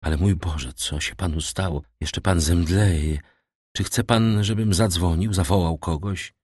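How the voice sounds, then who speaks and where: A male reader plays an earnest young prisoner, eager to please and quick to swear his honesty. His tone stays low and sincere. The reading is close-miked and dry. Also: steady tone, slightly rough, no echo. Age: young adult.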